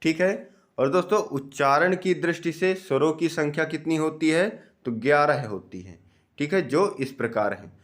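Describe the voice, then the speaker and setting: A man teaching an exam-prep grammar lesson, asking the class questions and answering them himself, slowly drawing out each vowel sound he demonstrates. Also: a little high, lively intonation. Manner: stretches out sounds slowly when pronouncing vowels.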